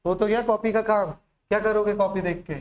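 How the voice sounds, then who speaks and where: In a classroom lecture, a man teaching in Hindi with a Chhattisgarh accent uses repeated questions and memory tricks to quiz his students call-and-response style. His voice is high and steady, at a moderate pace.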